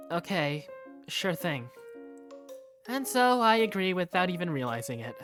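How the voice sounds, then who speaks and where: In this first-person visual novel narration and dialogue, the main character and narrator is an awkward male student who gets flustered easily. A performer voices him in a natural, medium-pitched voice, telling of his school day through a hesitant, wry inner monologue.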